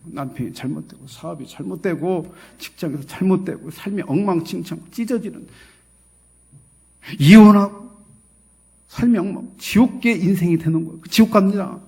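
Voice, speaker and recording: Middle-aged man, pastor preaching, husky gravelly voice, higher pitch. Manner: storytelling with quoted dialogue, emphatic and swinging in loudness. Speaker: associate pastor. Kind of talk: sermon.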